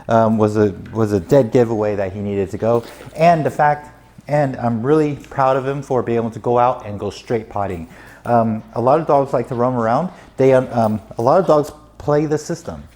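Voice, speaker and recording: A man with a mellow, warm tone and a middling pitch talks as a dog trainer. He patiently walks a dog's owner through the training steps in an instructive way. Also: moderate pace.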